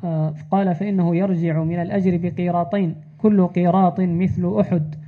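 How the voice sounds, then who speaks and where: A man reading classical religious text aloud as a student, measured and formal, repeating the narration formula before each line. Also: high-pitched, flat delivery. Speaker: student reader. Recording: tinny phone-like sound.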